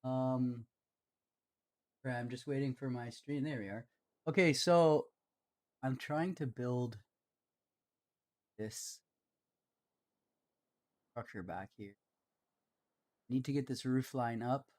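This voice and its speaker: A man's voice: mid-range voice, takes it slowly, long pauses, darkish tone. A man with a Canadian accent, chatting casually and hesitantly as he streams himself building, often trailing off and joking at his own expense. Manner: rambling, hesitant, self-deprecating. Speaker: live streamer. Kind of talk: casual commentary while building.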